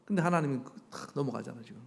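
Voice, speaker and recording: A male pastor preaching a sermon, animated, asking the congregation rhetorical questions and acting out quoted voices. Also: mid-range voice, racing, vocal fry, long reverb tail. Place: church sanctuary.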